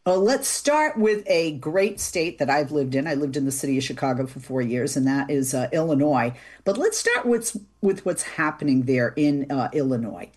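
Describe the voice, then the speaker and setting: Speaking straight to her audience, a Boston-accented woman hosts a radio talk show, interviewing in a chatty, informal way. Her low, darkish, slightly rough voice is animated, moving at normal speed with hardly any pauses.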